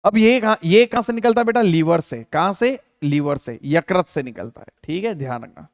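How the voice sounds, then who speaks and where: A man with a fairly high voice teaches a biology exam-prep lesson. He keeps firing questions at his students and answering them himself, calling them dear and leaning on fillers. The sound is close and dry, with no room echo. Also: animated, normal speed. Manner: calls listeners beta, many fillers like theek hai. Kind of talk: Hindi exam-prep lecture.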